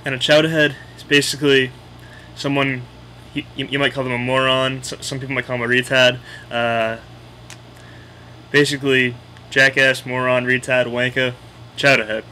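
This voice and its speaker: A man's voice: medium pitch, little pitch movement, normal speed, sharp tone, a little hiss or hum, low-quality recording. A man with a Boston accent casually explaining local slang in a blunt, opinionated, sweary way. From Boston area, United States.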